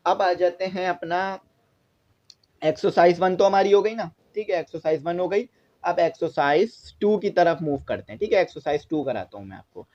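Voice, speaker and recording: A man's voice: sits high, lo-fi sound. A man explaining English exercises to students, repeating each point and checking that they follow. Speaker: English teacher. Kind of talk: classroom-style lesson explanation.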